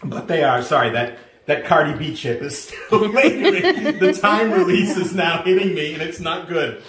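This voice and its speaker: A man hosts a homemade snack review, joking and laughing as he goes. His voice is pitched a touch high and swings widely up and down. The room has a noticeable echo. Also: normal speed, a crowd in the background. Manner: playful, animated, laughs often. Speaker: host of a snack review show. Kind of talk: casual on-camera snack review. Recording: roomy echo.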